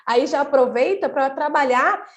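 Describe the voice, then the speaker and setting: High-voiced woman explaining classroom methods. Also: moderate pace. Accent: Brazilian Portuguese. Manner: explanatory, gives classroom examples step by step. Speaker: teacher trainer. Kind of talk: pedagogical training talk.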